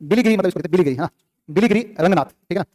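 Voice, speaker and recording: Fast-talking high-voiced male teacher drilling names. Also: darkish tone, no echo. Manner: repetitive drilling of names, asks and answers his own questions; chatty asides to students. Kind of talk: classroom lecture with call-and-response drilling. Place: classroom.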